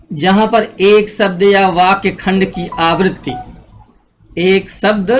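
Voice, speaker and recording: Slow, high-voiced male teacher. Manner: explains slowly, repeats each rule and checks understanding. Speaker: Hindi grammar teacher. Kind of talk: classroom lecture.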